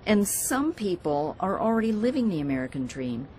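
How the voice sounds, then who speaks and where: A woman correspondent delivering a scripted news report in an even, explanatory tone. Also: mid-range voice, moderate pace, background noise.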